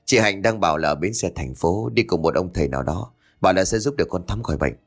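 A man voicing a middle-aged husband and father who talks in a hurried, reassuring way. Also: low voice, expressive, soft background music.

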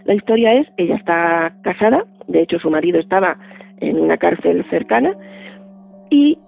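A man's voice: high voice, animated, moderate pace, gravelly, soft background music. A male radio guest, telling a story vividly and acting out the lines of the people in it. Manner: vivid, acts out quoted dialogue. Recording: band-limited dry phone-like line.

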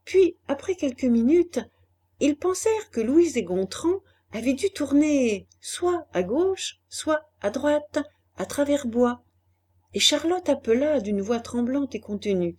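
A woman reading a novel aloud as an audiobook narrator, measured and expressive. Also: high voice. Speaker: audiobook reader. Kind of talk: scripted narration.

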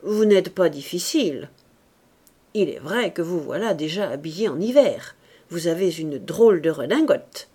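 A woman's voice: on the low side, lively intonation, moderate pace, warm tone, breathy edge. A woman voicing a retired male master tanner who speaks bluntly and sneers. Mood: sneering. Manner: brusque, sneering.

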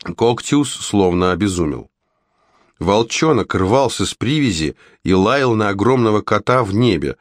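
Lively male audiobook narrator, dry close sound. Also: lowish voice, a little slow, dry recording.

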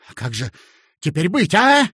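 A man's voice: high-pitched, wildly swooping pitch, a little slow, sharp tone, slightly rough, no echo, studio quality, pitched above the performer's own voice, exaggerated voice. A man voicing a brash young clerk who speaks abruptly and curtly, in a storybook reading. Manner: abrupt, curt. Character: brash young male clerk, curt and reckless.

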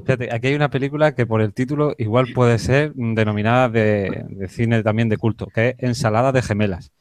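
A man's voice: medium pitch, steady tone, brisk, no room sound, studio quality. A man co-hosting a film podcast with casual, joking chat. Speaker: podcast co-host.

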